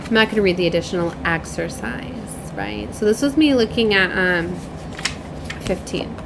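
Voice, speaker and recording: A tarot and oracle card reader, this woman alternates between reading cards aloud and chatting casually, with informal asides throughout her spiritual reading. Her medium-pitched voice has vocal fry and a moderate pace, set against a noisy background.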